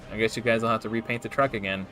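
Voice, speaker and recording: A man's voice: on the low side, steady tone, rapid-fire, pushed and bright, faint music behind. A man streaming live and casually commenting on his gameplay, rambling with frequent restarts and self-corrections. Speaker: game streamer.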